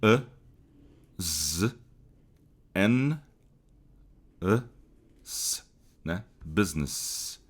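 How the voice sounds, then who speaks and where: A man with a low voice explains English phonetics in Portuguese, patiently and slowly repeating example words while checking in with the listener often.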